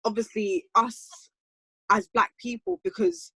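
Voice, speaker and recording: A woman's voice: fairly high pitch, very animated, a little slow, vocal fry, a bit bright, breathy edge, dry recording, studio quality. A woman co-hosting a casual chat, talking with passion and firing off emphatic rhetorical questions. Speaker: co-host.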